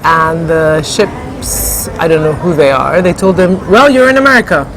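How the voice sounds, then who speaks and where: Over a noisy background, a café co-founder from Ghana, a middle-aged woman, works through an interviewer's questions with plenty of fillers and thoughtful hesitation. Her voice sits low and moves at a moderate pace.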